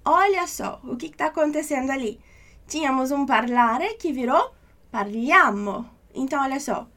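A woman teaching an online language lesson, patiently reassuring and repeating each example slowly. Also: sits high, lively intonation, a bit bright.

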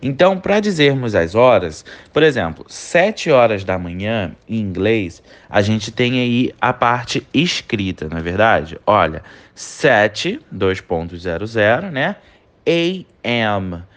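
Patient male teacher drilling words slowly. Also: fairly low pitch, sing-song, a bit bright. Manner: checks in often with short tags. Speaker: English teacher. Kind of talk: online language lesson.

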